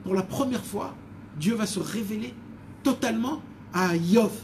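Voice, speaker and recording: High-voiced man telling a Torah story. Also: a little slow, darkish tone, a little hiss or hum. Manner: dramatic storytelling, addresses listeners as friends. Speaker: religious teacher.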